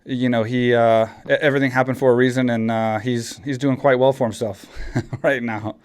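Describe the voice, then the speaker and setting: Rambling Texan podcast host. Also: male voice, medium pitch, steady tone, moderate pace, clean tone. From Texas. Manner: rambling, frequent restarts and fillers. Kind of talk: casual chat.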